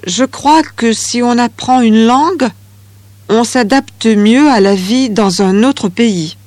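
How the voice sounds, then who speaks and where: A woman playing a thoughtful teenage girl in a scripted listening exercise, measured and careful. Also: on the high side, darkish tone, no room sound.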